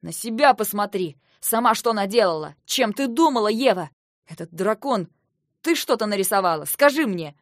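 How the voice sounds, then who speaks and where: A woman's voice: medium pitch, normal speed, no echo, studio quality, close to an everyday voice. Woman voicing a furious young brother. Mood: shouting. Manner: shouting, reproachful. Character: angry young man, hot-tempered brother.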